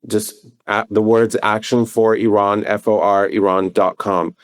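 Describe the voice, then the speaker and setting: A man's voice: lowish voice, little pitch movement, measured pace. A man, a podcast guest, talking casually with an urging, joking energy.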